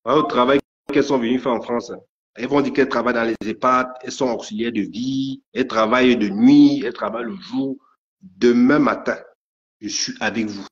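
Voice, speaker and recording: A man's voice: medium pitch, steady tone, fairly quick. A man ranting angrily on a live stream, stammering and repeating his threats. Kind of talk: angry live rant. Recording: dull lo-fi stream audio.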